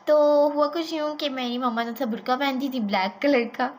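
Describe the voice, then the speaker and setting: A woman telling a childhood story in an animated, chatty vlog style, dropping in English words. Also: high voice, normal speed, a little hiss or hum. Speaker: vlogger.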